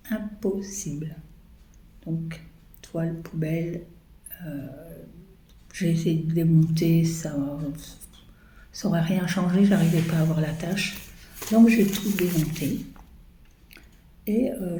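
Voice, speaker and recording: Woman chatting slow about her embroidery, lots of ums, throat choky, mellow lowish voice in an echoey room. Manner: hesitant, many fillers. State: coughing, choking. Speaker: embroidery vlogger. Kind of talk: casual chat to viewers. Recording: echoey room, faint noise.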